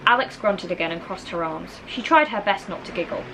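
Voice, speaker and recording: A woman with a fairly low, expressive voice reads a children's novel aloud at a brisk pace, like a storybook narrator. Rain falls in the background, making the recording noisy.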